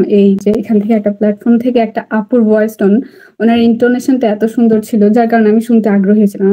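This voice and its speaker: A woman's voice: on the high side, highs cut off. Chatty young woman on a video call. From Bangladesh. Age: young adult. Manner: excited, chatty, mixes English phrases. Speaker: visa applicant student. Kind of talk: casual online interview.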